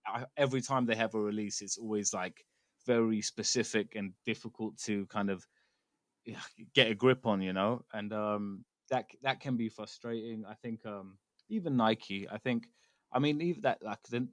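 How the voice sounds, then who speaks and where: A man's voice: fairly low pitch, normal speed, no echo. A man co-hosting a casual podcast, from the UK, talking in a rambling, hedging way full of fillers. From United Kingdom. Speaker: podcast co-host. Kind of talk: casual chat.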